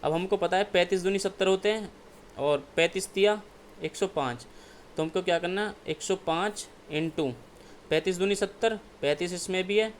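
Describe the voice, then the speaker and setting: With a high voice and a brisk pace, an Indian male maths teacher solves exam problems step by step. He poses his own questions, answers them, and repeats "ठीक है" often as a check-in. Slight background noise can be heard.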